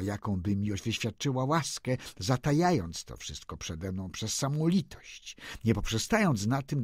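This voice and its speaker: A man reading a classic novel aloud as an audiobook, narrating in an impassioned, expressive way. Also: medium pitch, husky, no echo, clean studio sound. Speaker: audiobook reader. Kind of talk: dramatic literary reading.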